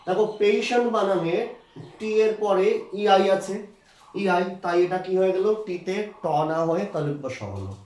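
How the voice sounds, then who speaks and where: High-voiced man teaching, echoey room. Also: lively intonation, normal speed, darkish tone. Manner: patient, repeats points, asks and answers own questions. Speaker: English pronunciation teacher. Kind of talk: explaining lesson to students.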